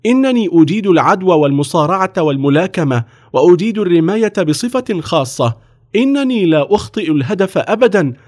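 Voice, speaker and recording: Brief: man playing a determined young boy in a storybook, high pleading voice, pushes on. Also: darkish tone. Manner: pleading, insistent, flustered. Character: eager determined short peasant boy.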